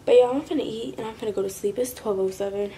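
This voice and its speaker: Young woman vlogging, stuffy sick voice, gravelly fry, high-ish pitch, faint hiss behind. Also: fast. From Florida. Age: 20s. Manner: chatty, slangy, rambling. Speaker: lifestyle vlogger. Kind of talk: casual vlog chat to camera.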